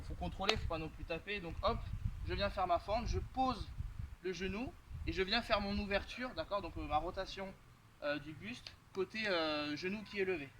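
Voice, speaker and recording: A man coaching a home workout, explaining exercises as he demonstrates them and often checking in with "d'accord?". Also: high voice. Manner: talks while moving through exercises, loud bursts on effort; frequent "d'accord?" checks and fillers. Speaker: fitness coach. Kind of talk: workout instruction while demonstrating. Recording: loud background noise.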